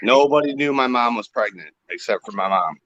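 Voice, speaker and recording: A man's voice: mid-range voice, lively intonation, fairly quick, a bit bright, no echo, lo-fi sound. A man from Ohio chatting casually on a group stream, swearing and preaching about belief and frequency. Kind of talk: casual chat.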